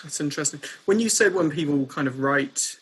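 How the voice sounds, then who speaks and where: A man's voice: on the high side, a little fast, a bit bright, slightly rough. A man chatting casually as a podcast host and interviewer. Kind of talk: casual chat.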